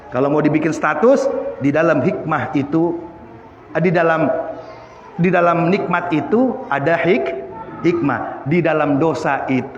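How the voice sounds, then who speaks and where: A man's voice: fairly high pitch, a little hiss or hum. A man teaches a religious lesson, often turning to the audience with questions. The sound is dull and lo-fi, recorded in a roomy hall with a long reverb tail. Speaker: Islamic teacher. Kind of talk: religious study lecture.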